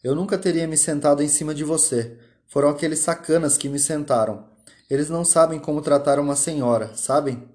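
A man's voice: on the high side, fairly quick, a little mellow, natural voice. A man voicing a drunk, coarse old woman prisoner of about sixty in an audiobook reading. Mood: brash. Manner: coarse, cheeky, apologetic.

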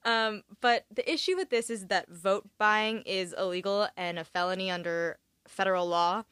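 A woman's voice: mid-range voice, moderate pace, fairly bright tone, clean tone, no room sound. Sarcastic young woman, dry close sound. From California. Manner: chatty, dry sarcastic asides. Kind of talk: casual chat.

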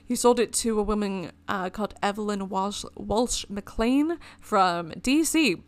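A woman's voice: medium pitch, measured pace. A woman co-hosting a podcast, telling a history story in a rambling, casual way and laughing often. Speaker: podcast co-host.

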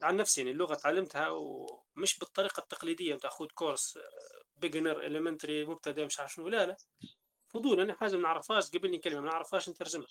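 A man's voice: on the high side, racing, gravelly, a bit bright. A man with a Libyan Arabic accent hosting a casual podcast conversation, talking through ideas at length and often restarting his sentences. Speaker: podcast host.

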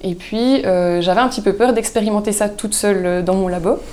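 A woman, a guest chatting casually in an interview, relaxed and thoughtful with frequent hesitations. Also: mid-range voice, brisk. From Switzerland. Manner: relaxed, thoughtful, many hesitations, laughs easily. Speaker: guest, soap maker.

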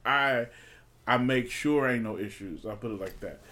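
A man's voice: mid-range voice, unhurried, sharp tone. A man co-hosting a relationship podcast, talking casually and informally, joking with his partner. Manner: laid-back, joking, informal. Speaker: podcast co-host.

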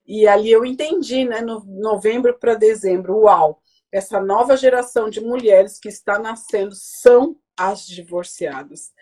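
A woman in her forties telling her story in conversation, animated and acting out what others said to her. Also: medium pitch, a little slow. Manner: animated, acts out quoted dialogue. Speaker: guest speaker.

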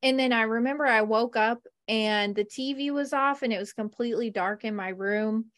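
Woman podcast host, higher voice, chatty laughing storyteller, dry booth sound. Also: normal speed, a bit bright, no echo. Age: adult with a husband. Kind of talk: casual chat about movies.

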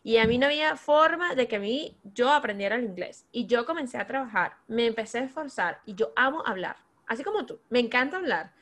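A woman's voice: on the high side, expressive, fairly quick, few pauses. A woman from Venezuela hosting a podcast, talking casually and effusively with lots of filler words. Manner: warm, effusive praise with frequent "o sea" fillers. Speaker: podcast host.

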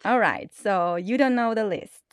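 A woman's voice: medium pitch, clean tone, dry recording, clean studio sound. A middle-aged woman with a non-native English accent, a mother talking casually to the camera and laughing often. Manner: slow and careful, laughing often. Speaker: mother and vlogger.

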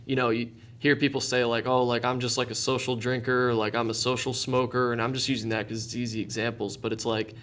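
A man's voice: mid-range voice, level tone, fairly quick, few pauses, a bit bright. A man in his twenties hosting a podcast, talking earnestly and reflectively with lots of "like" fillers. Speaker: podcast host. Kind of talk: casual conversation.

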